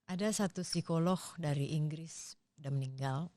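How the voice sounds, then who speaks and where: A woman's voice: deep voice, normal speed, mellow. A woman speaking as a podcast guest, thoughtfully explaining ideas step by step with everyday examples. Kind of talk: explanatory casual conversation.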